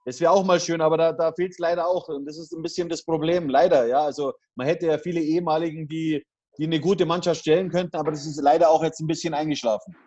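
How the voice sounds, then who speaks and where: A man conducts a casual interview. He speaks very quickly in a slightly high voice. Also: fairly even intonation, warm tone, dull audio.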